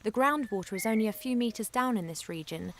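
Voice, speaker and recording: Plucky high-voiced young elf. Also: female voice, lively intonation, fast talker, background noise. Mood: curious, musing. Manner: spirited, talking to herself and her bird. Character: plucky, chatty young female elf adventurer. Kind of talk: video game voice acting. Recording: music under the voice.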